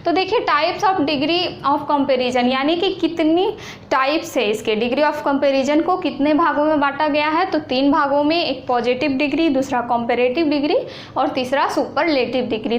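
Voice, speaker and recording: A woman teaching an exam-prep lesson, explaining slowly and repeating points, asking questions and answering them herself. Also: high-pitched, muffled recording. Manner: slow, repetitive explaining with questions to students. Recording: echoey room with faint noise.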